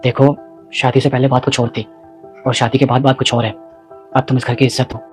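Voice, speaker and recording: A man playing a firm young husband in a family drama skit, lecturing calmly. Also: mid-range voice, moderate pace, faint music behind, lightly acted. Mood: stern.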